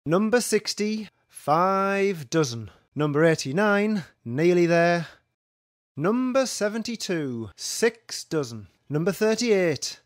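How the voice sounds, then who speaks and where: A man working as a bingo caller, announcing numbers in a scripted, measured, sing-song delivery. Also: a little high, no echo, studio quality. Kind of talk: scripted bingo calling, numbers with rhyming nicknames.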